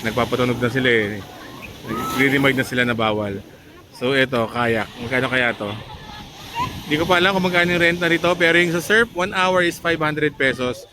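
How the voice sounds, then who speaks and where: A man's voice: mid-range voice, brisk. A man vlogging casually on a beach at sunset, chatting to the camera and cooing at a baby. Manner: chatty, coos and teases a baby in a lifted voice. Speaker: travel vlogger. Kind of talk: casual vlog narration. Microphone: handheld camera. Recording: outdoor noise from waves and wind. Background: sea and surf noise.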